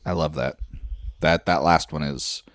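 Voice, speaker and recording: Deep-voiced enthusiastic game master. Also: male voice, fairly even intonation, measured pace, fairly bright tone, no room sound, clean studio sound. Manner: enthusiastic, explanatory, with restarts. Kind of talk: explaining game rules.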